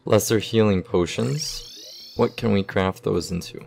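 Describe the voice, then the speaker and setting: Slow, gravelly young man commentating a game. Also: lowish voice. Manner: relaxed, thinking aloud while sorting items. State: has the hiccups. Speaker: gaming YouTuber.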